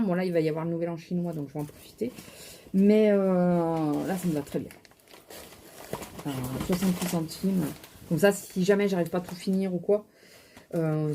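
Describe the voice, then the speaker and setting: Tired, chatty woman with a mellow voice. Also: on the low side. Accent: regional French. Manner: chatty, rambling, many fillers and restarts. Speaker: vlogger showing shopping haul and makeup. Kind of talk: casual chat to camera.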